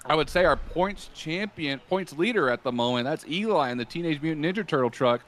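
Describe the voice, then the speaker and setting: A man's voice: fairly high pitch, lively intonation, brisk, a bit bright. Folksy man commentating truck races. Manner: folksy, joking, easygoing. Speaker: race commentator. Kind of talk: play-by-play commentary. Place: commentary booth at a fairground track.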